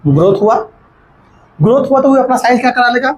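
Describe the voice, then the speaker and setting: A man's voice: very high-pitched, lively intonation, a little hiss or hum, poor audio. A man teaching biology in a classroom-style lecture, asking rhetorical questions and checking that students follow. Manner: mixes in English terms while dictating notes slowly.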